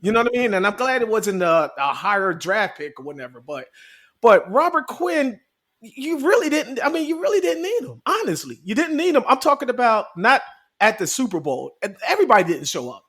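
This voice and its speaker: A man's voice: extremely high pitch, sing-song, fairly quick, fairly bright tone. A man co-hosting a sports podcast, arguing animatedly and repeating himself as he talks over the others. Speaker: podcast co-host. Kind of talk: casual sports debate.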